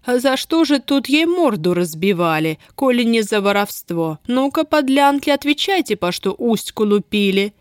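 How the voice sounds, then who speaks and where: A woman doing a shrill, cruel lady estate manager. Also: big pitch swings, normal speed, few pauses, no room sound, clean studio sound. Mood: imperious, scornful. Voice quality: thin, cutting, shrill. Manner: contemptuous, barking orders. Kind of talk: audiobook character voice.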